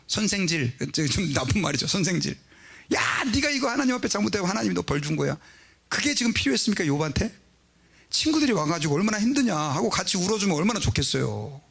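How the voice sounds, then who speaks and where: A male pastor delivers a sermon in a relaxed, conversational way, often speaking straight to the congregation. His voice sits a little high and carries a gravelly edge.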